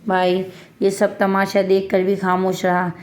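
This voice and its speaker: A woman reading a first-person family story aloud in a steady, sorrowful storytelling manner. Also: mid-range voice. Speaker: narrator.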